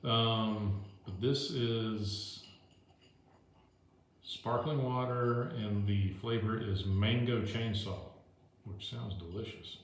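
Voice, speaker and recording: A man's voice: on the low side, slow pace, a little hiss or hum. A man hosting a food-tasting video show indoors at home, talking casually to the camera in a loose, chatty way with plenty of fillers and restarts. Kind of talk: casual rambling talk to camera. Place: indoors at home, moved in from the deck. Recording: very echoey room.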